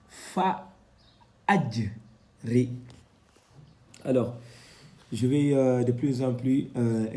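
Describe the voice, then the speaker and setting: Very slow, dark-voiced male teacher. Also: on the low side. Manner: sounds out syllables one by one, explains with pauses. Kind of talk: Quran reading lesson.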